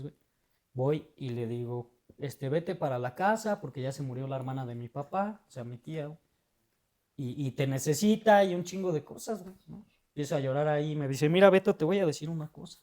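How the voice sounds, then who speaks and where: A man's voice: medium pitch, fairly quick, dark tone. A young adult man with a Mexican Spanish accent, telling a personal story in casual, emotional, slang-heavy chat, dropping a tag word into nearly every phrase. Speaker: guest.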